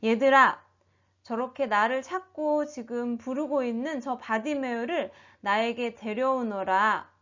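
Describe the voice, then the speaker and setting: A gentle, loving teacher man speaks slowly and kindly, as a woman voices him. His voice is high, and the recording is muffled and lo-fi. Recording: dull lo-fi recording.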